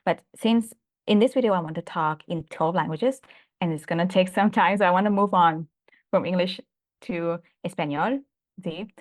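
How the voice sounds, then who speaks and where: A woman with a slightly low voice hosts a relaxed conversation. She hesitates, repeats small words and often checks in as she goes. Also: unhurried. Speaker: host and language learner. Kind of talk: casual conversational interviewing.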